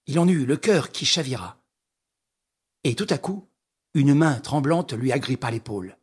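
A man narrating an audiobook in a measured, dramatic reading. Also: medium pitch, animated, a little mellow, husky. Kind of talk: scripted narration.

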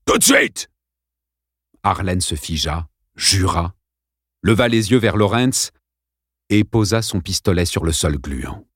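Low-voiced man reading a suspense audiobook. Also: expressive, moderate pace, no echo, clean studio sound. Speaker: narrator. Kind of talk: audiobook narration.

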